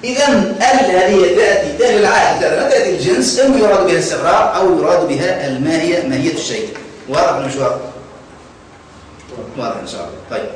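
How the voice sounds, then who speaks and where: Lecturing on grammar in a classroom, this Tunisian Arabic-accented man quizzes his students and repeats the key words. He speaks rapid-fire in a high voice with lively intonation. The mic is distant, picking up echo and a little hiss or hum.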